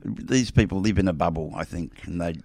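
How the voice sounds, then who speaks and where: Brief: deep-voiced male radio co-host, wry storyteller, dry studio. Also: fairly quick, creaky, darkish tone, dry recording. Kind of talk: casual studio chat.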